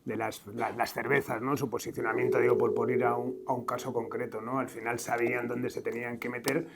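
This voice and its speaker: A man's voice: medium pitch, level tone, fairly quick, vocal fry, very noisy. A man from Madrid speaking on a conference panel, hesitant and repeating words while he searches for them. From Madrid, Spain. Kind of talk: conference talk.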